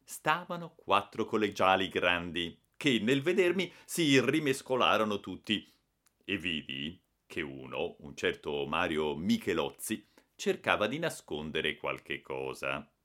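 Male narrator, expressive storytelling, low bright voice, very animated. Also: a little slow. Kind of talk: audiobook narration.

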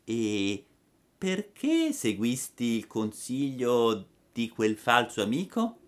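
A man voicing a wise, gentle female marmot who speaks slowly and softly. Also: very animated. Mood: gently scolding. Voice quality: soft, slow and low.

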